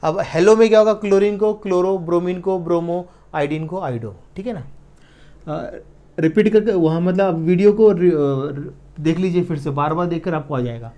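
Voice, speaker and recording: A man teaching chemistry in an exam-prep lecture, repeating key slowly and checking in with his students. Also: high-pitched, dark tone. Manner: repeats key words slowly, counts aloud, checks in with the listener.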